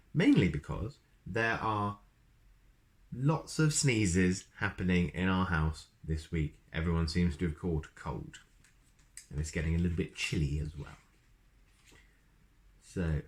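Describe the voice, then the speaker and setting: With a low voice, a man hosts readings of children's storybooks, speaking expressively and directly to young listeners.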